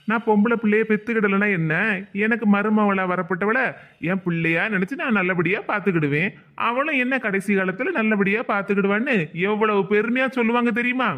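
Cartoon: man voicing a chuckling, teasing young husband, Kanyakumari Tamil accent, high voice. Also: highs cut off, natural voice. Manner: chuckling, coaxing banter. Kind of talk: cartoon voice acting.

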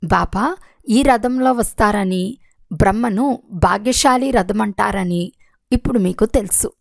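A woman reading a religious discourse aloud in a steady, measured way. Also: mid-range voice, gravelly, no room sound. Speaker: reader of a spiritual discourse.

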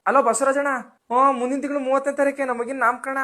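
A man's voice: very high-pitched, flat delivery, fast, sharp tone. A man playing a whiny new village mother. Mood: gossipy chatter. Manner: nagging, gossipy phone chatter, whiny demands. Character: chatty young village mother just after childbirth, fussy and gossipy. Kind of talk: comic village skit.

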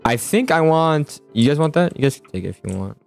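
Over a music bed, a young man hosting a gaming roleplay chats casually while improvising, rambling, repeating phrases, and starting with stammers. His voice is a little high, gravelly, and slightly mellow, animated and a bit fast.

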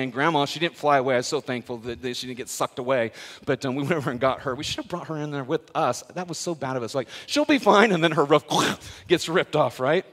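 A middle-aged male pastor delivers a sermon in a slightly high voice. He moves between forceful emphasis and quiet, hushed asides, with easy self-deprecating humor. His voice carries a long reverb from a church sanctuary.

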